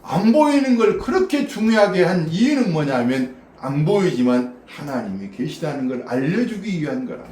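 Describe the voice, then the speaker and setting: Lively man preaching in a roomy hall. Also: a little high, normal speed, hardly any pauses. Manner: chatty, asks the listeners questions, laughs often. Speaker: pastor. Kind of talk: casual sermon to a small congregation. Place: small church room. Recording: roomy echo from a distant mic with faint background noise.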